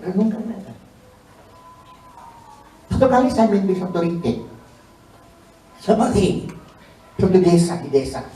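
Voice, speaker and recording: Pastor preaching in an echoey hall. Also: male voice, high-pitched, moderate pace, long pauses. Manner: animated, swings between loud emphasis and hushed asides; acts out quoted congregants in a mocking voice. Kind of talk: sermon. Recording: echoey hall, mic at a distance.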